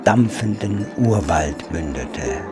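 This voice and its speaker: A man calmly narrating a children's story in a measured reading voice. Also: sits low, music in the background.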